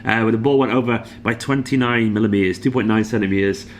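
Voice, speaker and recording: A man's voice: lowish voice, fast, slight background noise. A hungover, exhausted man giving a casual, weary football reaction as a fan channel host. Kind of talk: casual post-match reaction monologue.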